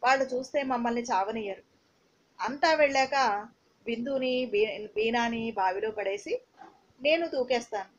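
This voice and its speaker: A woman's voice: a little high, normal speed, pauses often, lo-fi sound. A woman narrating a first-person audiobook in an emotional, dramatic reading.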